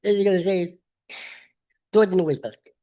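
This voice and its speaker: A man's voice: sits high, fairly quick, warm tone. A man in his fifties, asking a panel a question from the audience in an insistent, emphatic way and repeating his points. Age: 50s. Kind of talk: public Q&A question.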